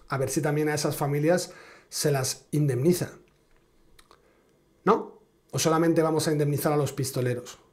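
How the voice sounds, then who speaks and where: A man's voice: fairly high pitch, darkish tone. A man from giving a political commentary monologue, sarcastic and emphatic, drawing out words for dramatic effect.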